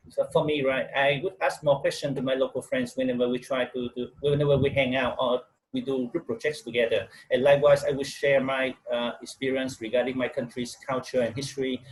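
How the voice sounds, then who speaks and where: A man's voice: medium pitch, low-quality recording. Earnest man from Vietnam with hesitant delivery. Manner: earnest, hesitant with many uhs. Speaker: guest. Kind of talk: casual interview answers. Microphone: video call mic.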